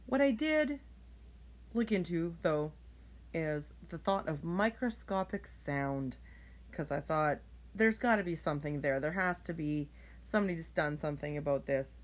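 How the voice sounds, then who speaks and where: A woman's voice: deep voice, expressive, measured pace, pauses often. A woman hosting a late-night solo podcast, tired and yawning, rambling in a chatty, self-deprecating way. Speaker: podcast host. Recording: home recording, phone held up for clip.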